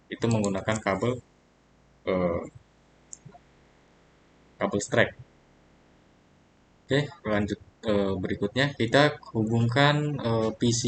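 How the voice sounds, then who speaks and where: Guy explaining a network setup on screen, lowish voice, steady step by step, clear background hum. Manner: steady step-by-step instruction with frequent fillers. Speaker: networking tutorial instructor. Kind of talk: screen-recorded software tutorial.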